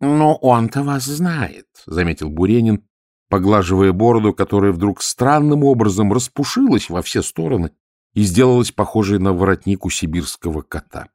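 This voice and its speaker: A man's voice: fairly low pitch, expressive, brisk, darkish tone, no room sound, studio quality. A man reading an audiobook, narrating expressively. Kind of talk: scripted narration.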